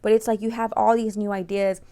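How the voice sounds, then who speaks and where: A woman's voice: mid-range voice, level tone, fairly quick, mellow, clean tone. A woman giving a casual, chatty tarot reading to viewers as host, speaking close to the microphone. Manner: informal, chatty, often checking in with "right?" and "you know". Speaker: tarot reader and channel host.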